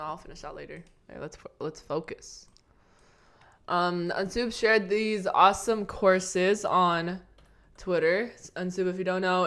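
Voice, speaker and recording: A woman's voice: lowish voice, fairly bright tone. A young woman chatting casually on a live stream, meandering and talking to herself while she eats breakfast at her desk.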